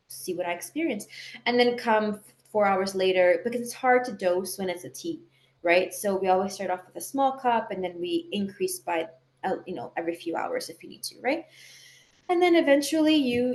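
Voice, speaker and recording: A woman guest on a live video call, explaining calmly and often checking in with "right?". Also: mid-range voice. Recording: echoey room with faint noise.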